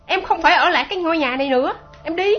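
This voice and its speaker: A woman's voice: very high-pitched, rapid-fire, faint music behind. A young woman playing a headstrong, bitter young wife who speaks curtly. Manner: curt and sharp. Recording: dull lo-fi recording.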